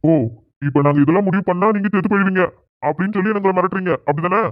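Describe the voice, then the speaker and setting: A stern elderly grandfather from a cartoon family drama, commanding and lecturing, voiced by a woman. He talks briskly. The recording is muffled and lo-fi, with no room echo. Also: lowish voice, natural voice. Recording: dull lo-fi, dry.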